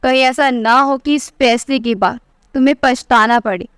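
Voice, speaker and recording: A woman's voice: high-pitched, steady tone, normal speed, a bit bright, clear, resonant tone, no echo, studio quality. A woman voicing an indulgent mother who speaks in a soothing, coaxing way.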